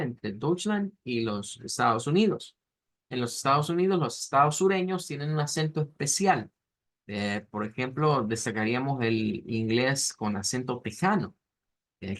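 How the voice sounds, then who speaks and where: A man teaching a language class, explaining pronunciation slowly and patiently, with frequent fillers and restarts. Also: medium pitch. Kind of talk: online class lecture.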